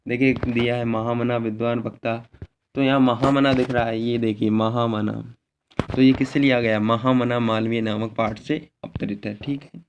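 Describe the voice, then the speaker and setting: A man's voice: mid-range voice, fairly even intonation, normal speed. Man explaining exam answers step by step. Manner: explains step by step, repeats each answer and ends with a check word. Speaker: teacher. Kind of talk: exam paper walkthrough. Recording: slightly dull lo-fi recording with faint noise.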